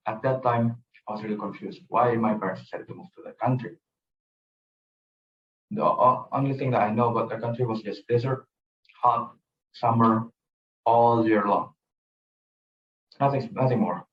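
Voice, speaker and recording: A man's voice: medium pitch, slight background noise. A young man from Indonesia gives an earnest personal presentation, telling his story and often repeating phrases. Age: young adult. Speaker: student presenter. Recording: roomy, distant, dull sound.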